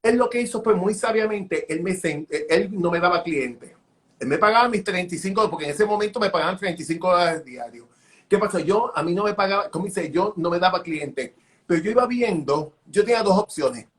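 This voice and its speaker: A man, a hairdresser, telling animated stories in an interview, acting out dialogue and repeating himself as he goes. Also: high-pitched, brisk. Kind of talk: storytelling interview chat.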